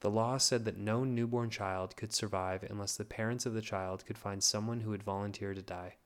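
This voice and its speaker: A man reading a story aloud in a measured, plain way. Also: lowish voice, fairly even intonation. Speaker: narrator.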